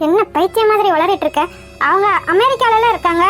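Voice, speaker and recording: A woman's voice: very high-pitched, a little fast, fairly bright tone, faint music behind. A woman voicing a young bride in a cartoon, pleading and defending herself. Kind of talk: cartoon voice acting.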